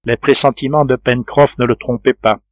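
A man's voice: medium pitch, steady tone, moderate pace, fairly bright tone, dry recording, close to an everyday voice. A man voicing a resolute middle-aged engineer in an audiobook, speaking firmly and earnestly. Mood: grave.

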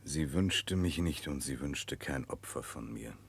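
An actor in a 1960s German radio drama playing a brooding, remorseful prince, grave and introspective. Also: male voice, extremely low pitch, lively intonation, measured pace, creaky, slightly rough, heavily acted. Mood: sad, resigned. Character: brooding, remorseful Russian prince searching for redemption.

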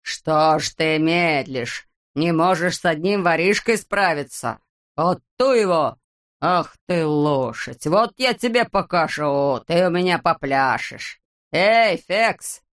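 A woman's voice: lowish voice, clean tone. A woman voicing a bald, bossy, greedy male landowner who screeches, drags out his words and hurls insults, as a character in an audiobook. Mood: furious. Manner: screeching, drawn-out yelling, name-calling.

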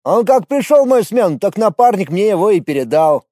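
A man voicing a blunt bartender who speaks loudly and plainly. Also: high voice, very animated, fairly quick, no echo, clean studio sound, pitched above the performer's own voice. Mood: brusque. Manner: loud, brusque. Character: blunt male bartender, loud and plain-spoken.

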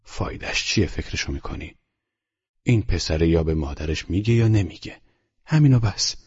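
A man voicing a bossy, practical older housekeeper in an audiobook, speaking in a brisk, commanding way. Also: low voice, animated, a little mellow, husky, lo-fi sound, heavily acted. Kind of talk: audiobook character reading.

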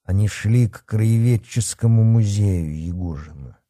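A man reading a dark fantasy story aloud with expressive, dramatic narration. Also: fairly low pitch, unhurried, no room sound, studio quality. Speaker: audiobook narrator.

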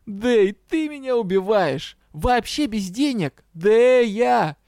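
A man's voice: high-pitched, animated, moderate pace, no room sound, studio quality, voice pushed up. Man voicing a ranting drow detective. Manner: ranting, scolding, exasperated. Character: hot-tempered young male drow detective.

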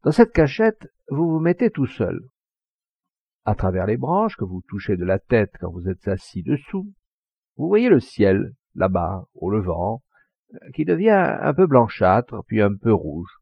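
A man's voice: on the low side, big pitch swings, a little slow, creaky, husky, no echo, exaggerated voice. A man voicing a boastful Provençal hunter who tells tall tales in a commanding, showy way. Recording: dull lo-fi recording.

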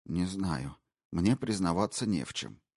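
A man's voice: low voice, animated, a little mellow, breathy edge, dry recording, studio quality, exaggerated voice. A man doing a stammering, guilt-ridden husband. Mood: guilty. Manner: halting and stammering. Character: guilt-ridden sobbing husband held hostage.

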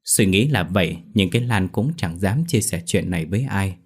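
Low-voiced man narrating a horror tale. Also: animated, breathy edge. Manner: measured, atmospheric storytelling. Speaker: storyteller. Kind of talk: scripted horror story narration. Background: faint music.

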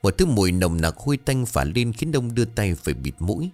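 A man narrating a horror story in a dramatic, measured way. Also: lowish voice, big pitch swings, darkish tone, soft background music.

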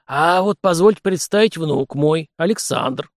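A man's voice: fairly high pitch, a little slow, no echo, pitched above the performer's own voice. Man playing an old fussing prince, raised voice, dry sound. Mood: fretful. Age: older. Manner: sighing, fretful.

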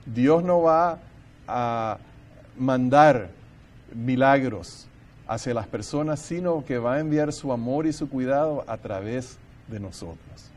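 An earnest man leads a Bible study discussion, working through his thoughts aloud with frequent restarts. Between his reflections he reads scripture passages in a steady, measured way. His voice sits at an ordinary middle pitch for a man.

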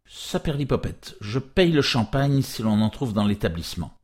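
A man voicing a boisterous male merchant who plays pranks and exclaims loudly. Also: sits low, very animated, brisk, husky, exaggerated voice. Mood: rowdy. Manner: loud, exclamatory, joking.

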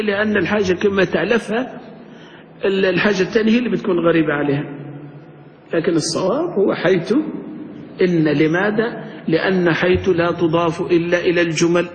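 Man, grammar lecture, quizzing tone, high-pitched, long hall reverb. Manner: quizzes students with questions, then answers them himself. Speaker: Islamic grammar teacher. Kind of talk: classroom lecture.

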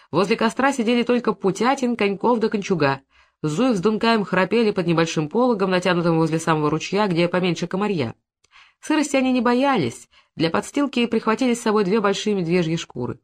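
Woman narrating a gripping taiga crime story. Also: mid-range voice. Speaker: audiobook narrator. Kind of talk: scripted narration with character voices.

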